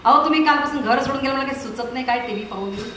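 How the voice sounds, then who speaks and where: A woman playing a snappy, sharp-tongued wife. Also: high voice, very fast, slight background noise. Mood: retorting. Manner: snappy, retorting. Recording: echoey live hall sound.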